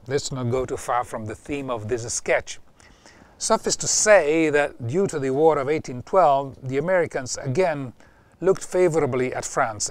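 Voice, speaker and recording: A man's voice: mid-range voice, no room sound. A man with an Italian accent giving an informal history talk, often repeating and restarting his phrases. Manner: varies loudness a lot from phrase to phrase. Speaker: history presenter.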